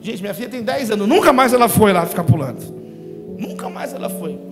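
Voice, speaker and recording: High-voiced Brazilian pastor preaching in a hall. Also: male voice, fast. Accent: Brazilian Portuguese. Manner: animated storytelling, acts out a crying child. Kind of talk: sermon. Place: church auditorium. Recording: long hall reverb with music behind.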